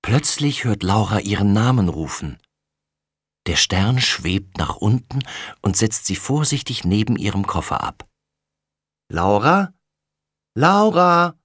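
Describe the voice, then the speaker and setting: Tiefer, belegter Märchenvorleser. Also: male voice, fairly low pitch, measured pace, breathy edge, no room sound, clean studio sound. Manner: gentle, expressive storytelling. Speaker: audiobook reader. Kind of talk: children's storybook narration.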